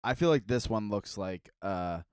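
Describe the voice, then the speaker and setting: A man's voice: on the low side, expressive, normal speed, smooth, no room sound, clean studio sound. A man co-hosting a podcast in casual chat, laid-back and full of fillers. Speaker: podcast co-host.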